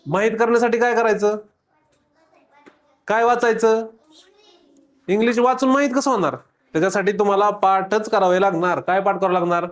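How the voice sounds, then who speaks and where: A man's voice: high-pitched, fairly even intonation, normal speed, pauses often. A man teaching a classroom of children, quizzing them with repeated questions and playful teasing.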